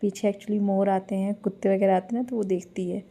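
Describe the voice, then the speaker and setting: A woman's voice: medium pitch, fairly even intonation, a little fast, dark tone. A young woman chatting through her morning routine for a home vlog, explaining what she is doing as she goes. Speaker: vlogger. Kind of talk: casual home vlog narration. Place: at home, kitchen and house.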